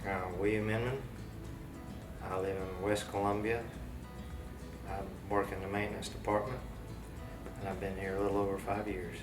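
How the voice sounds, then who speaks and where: A man from the maintenance department, speaking briefly and quietly in an employee interview. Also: on the low side, level tone, moderate pace, pauses often. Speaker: maintenance worker. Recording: roomy, loud music behind.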